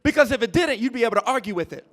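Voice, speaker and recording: A young man preaching a lively sermon as pastor, acting out Bible figures in modern slang. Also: very high-pitched, very fast.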